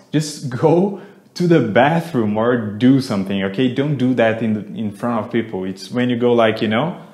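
A man's voice: medium pitch, a little mellow. Playful man teaching, echoey room. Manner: playful, chatty, acts out each verb. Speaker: English teacher, co-host. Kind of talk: casual teaching with acted demonstrations.

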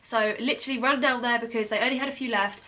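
A young British woman blogger, chatty and enthusiastic, with a voice a little hoarse from losing it. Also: a little high, fairly even intonation, fast talker, pushed and bright. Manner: chatty, enthusiastic product talk with many ums. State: losing her voice. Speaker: beauty blogger. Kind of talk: casual gift-guide vlog.

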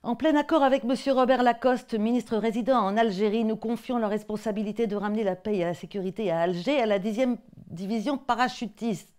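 A woman's voice: fairly high pitch, a little fast, a little mellow. Hesitant French woman giving a lecture. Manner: conversational, hesitant with repeated words. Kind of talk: academic talk presenting textbook excerpts.

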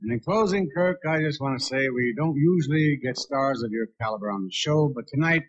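A man hosting a televised roast on a 1970s show, relaxed and wry. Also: mid-range voice, fairly quick, husky, muffled recording. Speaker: host. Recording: 1970s TV broadcast, loud audience.

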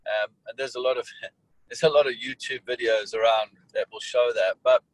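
A man's voice: mid-range voice, fairly even intonation, normal speed, no echo, poor audio. A man from Malawi and South Africa, a soccer coach, answering interview questions in a rambling way with many restarts and fillers.

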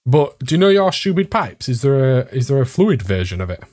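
A man's voice: medium pitch, big pitch swings, a little mellow, no room sound. A young man with a playful, cheeky manner, co-hosting a casual gaming session. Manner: playful, cheeky, quick to laugh. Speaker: Let's Play co-host.

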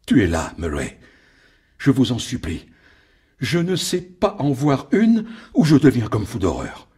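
Scheming shipowner, voiced by a man: metallic, mocking, high and husky, lively delivery. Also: measured pace, exaggerated voice. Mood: terrified. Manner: mocking, gloating. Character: greedy scheming middle-aged male shipowner.

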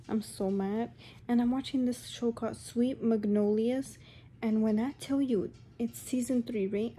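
A woman's voice: on the high side, warm tone, slight background noise. A woman vlogger ranting casually to the camera at home, repeating herself and calling the viewer honey.

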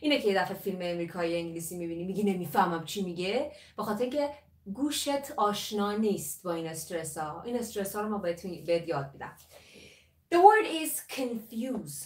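A woman English teacher giving a lively live lesson, mixing Persian and English and drilling the pronunciation of words. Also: on the low side, recorded from a distance. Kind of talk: live online language lesson. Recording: roomy echo, voice from off the mic.

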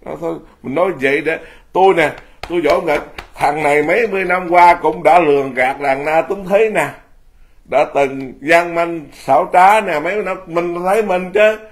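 A man's voice: a little high, moderate pace. A man in his fifties, a Buddhist monk giving an informal talk, blunt and self-mocking, laughing often as he speaks.

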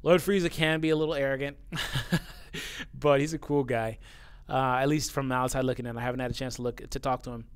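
He speaks briskly in a steady, mid-range voice with a clear, resonant tone. Reading out viewer comments in a casual to-camera video, this YouTuber is blunt, swears a lot, and gets heated, noting that his voice sounds youthful.

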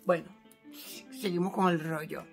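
A middle-aged woman from Caracas with a Venezuelan accent, hosting a casual live chat from her living room, animated and affectionate with her listeners. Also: lowish voice, moderate pace, breathy edge, soft background music. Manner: animated and chatty, calls listeners "my love". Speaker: host. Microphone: phone at arm's length.

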